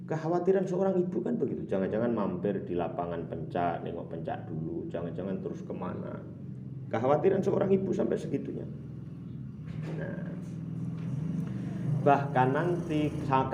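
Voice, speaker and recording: A man's voice: on the low side, highs cut off, noisy background. A man teaching a morning kitab lesson at a boarding school, chanting Arabic and then glossing it word by word. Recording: roomy hall, distant mic, faint ambience.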